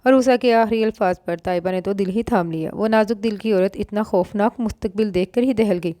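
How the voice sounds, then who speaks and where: A woman narrating a novel in a steady, even storytelling voice. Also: mid-range voice, a little fast, no room sound. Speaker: audiobook narrator.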